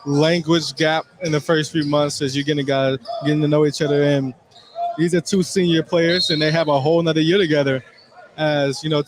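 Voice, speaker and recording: Guy doing color commentary courtside, fairly high voice, lots of you know, noisy gym sound. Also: steady tone, fairly quick. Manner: loose, rambling, many "you know" fillers. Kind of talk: local sports radio commentary.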